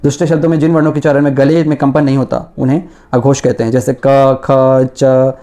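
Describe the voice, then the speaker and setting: A man's voice: medium pitch, flat delivery, brisk, dark tone. A male teacher giving a grammar lesson, explaining step by step and repeating each sound and word aloud.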